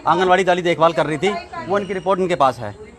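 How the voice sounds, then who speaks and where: Male bystander, calm and explanatory, crowd behind. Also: sits high, fast talker. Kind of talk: street interview. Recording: crowd in background.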